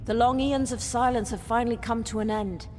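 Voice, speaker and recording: An actress voices a solemn, ancient female spirit guardian in a fantasy game, ceremonially speaking cryptic riddles in theatrical dialogue. Her fairly high, darkish voice is brisk with fairly even intonation and only lightly acted. The audio has cavernous long reverb with background noise.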